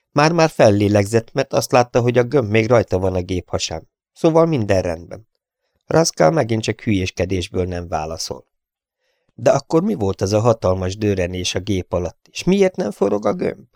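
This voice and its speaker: A man narrating an audiobook in a measured, dramatic way, voicing each character. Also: sits low, darkish tone, no room sound, clean studio sound.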